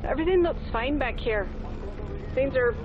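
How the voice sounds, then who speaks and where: An actress playing an affectionate Irish wife in a game, speaking in a playful, coaxing way. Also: female voice, high-pitched, lively intonation, moderate pace, narrow, tinny audio, noisy background. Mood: teasing. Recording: game music underneath.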